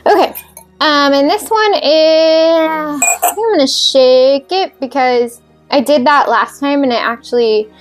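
A woman's voice: sits high, unhurried, soft background music. A woman hosting a cocktail video, talking casually and rambling with fillers while she mixes drinks. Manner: chatty, rambling, self-deprecating with fillers.

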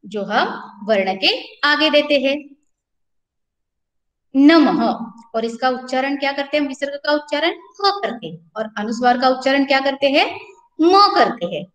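A woman's voice: high-pitched, brisk, a bit bright, echoey room, poor audio. A woman school teacher with a Marathi-influenced Hindi accent, giving a recorded online lesson, patiently asking questions and answering them herself. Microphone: laptop or headset mic on a recorded video call.

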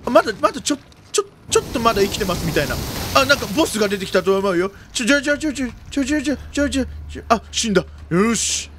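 Voiced very high and animated, with a touch of brightness, a man streams a horror game let's-play full of jittery reactions, rapid repeated exclamations and old-man phrasing. There's slight background noise.

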